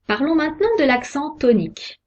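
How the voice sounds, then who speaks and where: A woman giving a scripted pronunciation lesson, sounding out each example word slowly and carefully. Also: sits high, darkish tone. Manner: slow, careful, deliberate articulation of example words. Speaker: French pronunciation teacher. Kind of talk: slow scripted lesson narration. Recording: dull lo-fi recording.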